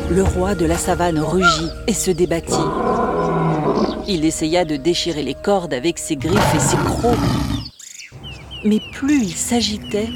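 A woman tells a children's fable in a slightly low, expressive voice. She paces the story with care and lively emphasis. Loud background music plays under her narration.

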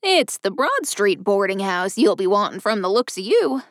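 A woman's voice: mid-range voice, very animated, moderate pace, no echo, natural voice. A rambling, folksy old railroad station master, cheerful and talkative, as a woman narrator puts him on. He chatters on in a dry, close voice from a storybook reading. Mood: gossipy.

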